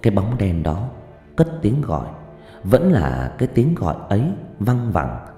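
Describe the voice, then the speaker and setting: A man narrating a ghost story, slow and dramatic, hushed on suspense, with roomy reverb and faint music. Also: lowish voice, wildly swooping pitch.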